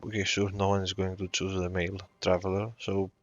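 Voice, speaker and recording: A gaming streamer offers casual, joking, sardonic commentary in a low, monotone, brisk voice. The recording sounds dull and echoey, as if made in a room.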